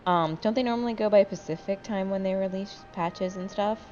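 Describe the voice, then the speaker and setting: A very tired woman hosts and plays in a gaming video, rambling and swearing informally as she chats casually with friends. Her mid-range voice is darkish in tone and a little fast, coming through dull lo-fi voice chat with faint music.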